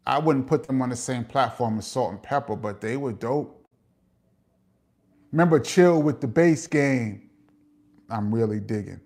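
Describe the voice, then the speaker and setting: A man's voice: medium pitch, darkish tone. A middle-aged man with a New York accent, hosting a casual live chat and reading out viewer comments, chatty, with frequent "um" fillers and laughs.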